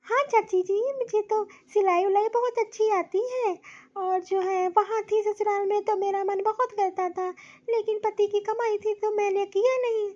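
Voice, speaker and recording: Lady doing a shy humble young widow in a cartoon, very high dark-toned voice, muffled. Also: fairly even intonation, normal speed, few pauses. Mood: polite. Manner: humble, polite and grateful. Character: meek young widowed daughter-in-law. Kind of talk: cartoon voice acting.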